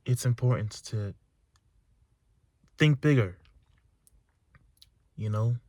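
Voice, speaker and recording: He speaks slowly in a medium-pitched, darkish voice, and the sound is studio quality with no room sound. The young man, a self-improvement vlogger, sits in a parked car at night and gives an earnest, emphatic motivational reflection, repeating his key phrases.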